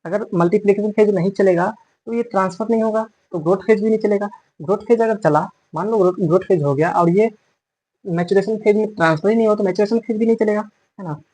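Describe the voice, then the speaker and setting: Talking fast in a high, mellow voice, a man teaches biology classroom-style, using Hindi laced with English terms and repeating and correcting terms as he explains. The audio is poor, though there's no room sound.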